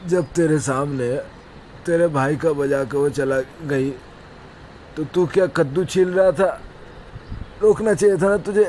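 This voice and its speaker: Cartoon village elder, voiced by a man: pompous, rambling scolder, slow drawl. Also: a little high, darkish tone, slight background noise, lightly acted. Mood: boastful. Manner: scolding, rambling, full of himself. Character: boastful bumbling village elder, male, middle-aged. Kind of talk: animated cartoon voice acting.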